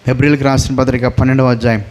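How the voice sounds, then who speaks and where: A man preaching as a pastor, telling a Bible story with lively rhetorical questions and acting out the characters' lines. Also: medium pitch, very fast. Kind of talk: sermon.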